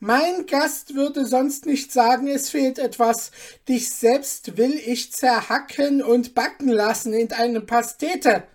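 A woman's voice: fairly high pitch, steady tone, slow, mellow, pitched above the performer's own voice. A woman voicing a wrathful, pompous duke in a storybook reading, bellowing and threatening. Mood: furious. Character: wrathful, pompous old duke, ruler of a court.

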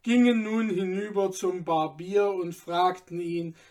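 A man reading a fairy tale aloud in a measured, deliberate narration. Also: high-pitched. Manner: deliberate, calm.

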